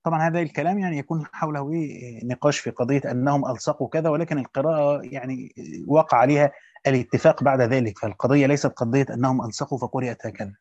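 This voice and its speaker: A man's voice: mid-range voice, steady tone, racing, darkish tone, no room sound, highs cut off. A man teaching Quran commentary, reading the text aloud and then explaining it in colloquial asides.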